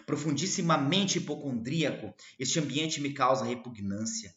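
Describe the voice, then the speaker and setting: A man's voice: mid-range voice, a bit bright, echoey room, highs cut off. A Brazilian man teaching literature in a casual classroom style, reading verses aloud and explaining them with frequent "né" and "tá". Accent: Brazilian Portuguese. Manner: chatty, full of "né" and "tá", reads verse aloud slowly.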